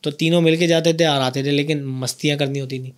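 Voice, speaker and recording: Animated man telling stories. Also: on the high side, quick pace. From Karachi, Pakistan. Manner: animated, lively storyteller. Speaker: podcast host. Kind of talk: casual storytelling chat.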